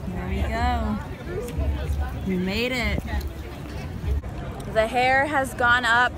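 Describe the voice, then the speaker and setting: A young woman vlogging in a casual, chatty and excitable way from a crowded outdoor city food festival, filming herself on a handheld camera. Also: a little high, extremely slow, over a noisy crowd. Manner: chatty, excitable, drops to hushed whispers. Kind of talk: casual vlog chat. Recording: noisy outdoor street recording.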